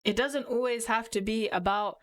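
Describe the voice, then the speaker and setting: A woman's voice: on the high side, fairly even intonation, normal speed, a bit bright, dry recording, studio quality. A woman doing casual gameplay commentary, talking bluntly and giving frank advice with playful asides. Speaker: gaming commentary creator.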